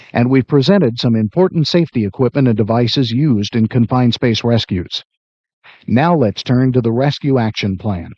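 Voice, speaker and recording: A man reads scripted instructional narration in a measured way, like a training video narrator. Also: medium pitch, a little mellow, no room sound. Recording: dull lo-fi worn videotape sound.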